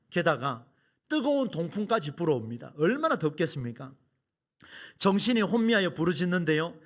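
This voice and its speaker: Man, pastor, sermon, high voice, animated delivery. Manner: dramatic, acts out quoted complaints; rhetorical questions to the congregation.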